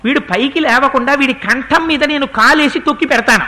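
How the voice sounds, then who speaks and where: A calm young prince gives his brother steady, clear orders, voiced by a male storyteller. The voice sits very high and bright, and stays firm and measured throughout. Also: big-room sound, full character voice. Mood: commanding.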